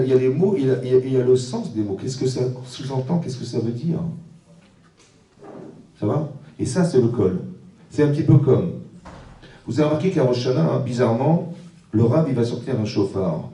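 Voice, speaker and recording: Animated rabbi teaching in an echoey room. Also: male voice, medium pitch, distant mic. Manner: animated, asks his listeners rhetorical questions and acts out little scenes. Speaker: rabbi teaching a class for girls. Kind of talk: religious class lecture. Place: classroom.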